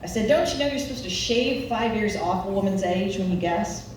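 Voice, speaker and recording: This is a live stand-up set by a Nebraska-born woman in her forties with a Midwestern accent, captured from afar in an echoey, noisy venue. Her storytelling is wry, self-deprecating, and takes its time, but her expressive, slightly mellow delivery moves fairly quick, with freely shifting pitch.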